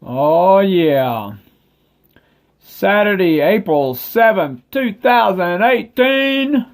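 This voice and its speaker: A man's voice: sits high, lively intonation, very slow. A middle-aged man, chatting casually and rambling to camera in a folksy, talkative way. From West Virginia. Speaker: vlogger.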